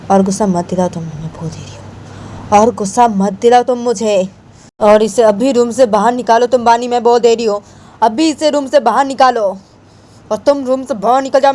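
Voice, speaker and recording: A woman voicing Rama, an angry young woman who repeats sharp commands in a homemade story. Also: medium pitch, a little slow, pauses often, slight background noise, close to an everyday voice. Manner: scolding, repetitive commands.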